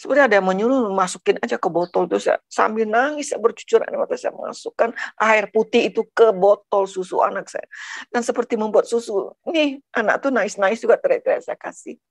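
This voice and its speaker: Earnest woman from Padang, gravelly voice. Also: mid-range voice, no echo. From Padang, West Sumatra. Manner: earnest, emotional, repeatedly addresses listeners as brothers and sisters; halting, repeats words as she talks. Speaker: testimony speaker. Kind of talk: personal religious testimony.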